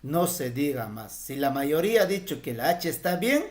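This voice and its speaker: A man's voice: fairly high pitch, sing-song, moderate pace, a little mellow. A man teaching an online class on spelling, speaking Spanish with a Peruvian accent, patiently asking questions and answering them himself. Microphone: video call.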